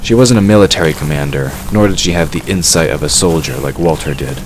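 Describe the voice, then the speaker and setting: Delivering scripted fantasy audio drama narration, this man speaks fast in an exceptionally low voice, with clear ambient noise in the background.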